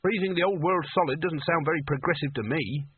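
A nervous young hero, voiced by a man, pleads in a raised, reedy voice, stammering and hedging with desperate politeness. The voice is a touch husky, and the sound is thin and dry like a narrow-band recording. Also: a little high, a little fast, no room sound. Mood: nervous, polite.

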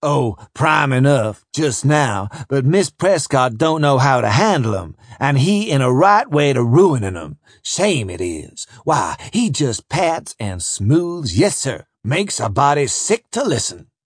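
Man doing a loud brash overseer. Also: medium pitch, very animated, measured pace, hardly any pauses, no echo, studio quality. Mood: gossiping. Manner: brash, hollering, rough dialect.

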